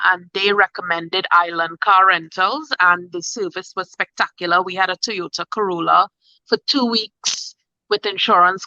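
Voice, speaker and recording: A woman's voice: medium pitch, sharp tone, no room sound, lo-fi sound. A woman in her forties, a guest telling her travel story in a chatty, enthusiastic way. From Trinidad. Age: 40s. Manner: enthusiastic, chatty, bursts of quick speech. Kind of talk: casual interview chat.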